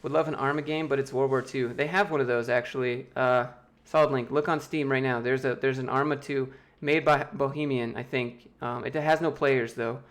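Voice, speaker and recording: Steady in tone and mid-range in pitch, this American man moves at a moderate pace with few pauses. He's hosting a YouTube livestream, reading chat questions out loud and answering them in an offhand, jokey way.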